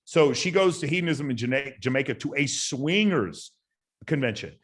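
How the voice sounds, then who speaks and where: A man's voice: mid-range voice, animated, moderate pace. A man talking as a guest on a podcast, telling stories in a blunt, emphatic and profane way. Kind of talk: casual podcast chat.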